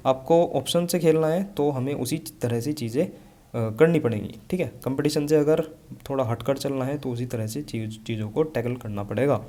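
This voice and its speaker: Young guy teaching vocab, warm low-key tone, reads english definitions slow. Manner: mixes Hindi with slow, carefully read English definitions. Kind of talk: online lesson with memory tricks.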